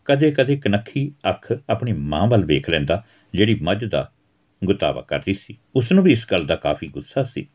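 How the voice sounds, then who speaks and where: Lively man narrating a village story. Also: low voice, normal speed. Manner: animated village-story reading, raises voice for quarrels. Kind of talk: storytelling narration with acted dialogue. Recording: tinny phone-like audio.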